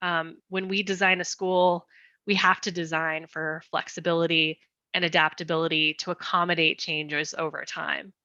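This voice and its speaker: A woman presenting school design plans at a community meeting, explaining carefully and slowing her pace for translators. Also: fairly low pitch, little pitch movement, bright, forceful tone, no echo, muffled recording.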